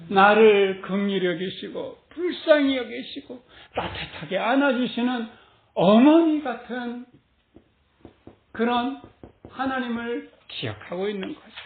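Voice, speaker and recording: A woman delivers a sermon with lively energy, often laughing as she preaches. Her voice comes through narrow and tinny, like a phone line. It rings in a roomy, echoing space. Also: on the high side, a little hiss or hum. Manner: animated, acts out quoted voices, laughs often. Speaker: pastor. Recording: tinny phone-like sound in an echoey room.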